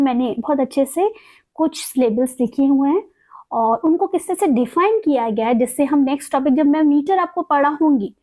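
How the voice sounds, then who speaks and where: Woman teacher, high voice, patient step-by-step exam-prep lesson, asks and answers her own questions, drawls example words. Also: a little mellow. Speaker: English teacher. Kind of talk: exam-prep lesson, Hindi mixed with English.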